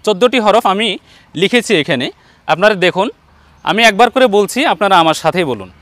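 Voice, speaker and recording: A man with a Bangladeshi Bengali accent teaches Arabic letter sounds in an online Quran lesson. His voice sits fairly high, and he draws each letter out slowly and patiently. The sound is dry and close, with no room echo. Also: lively intonation, a bit bright. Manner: slow, patient, drawn-out letter demonstrations.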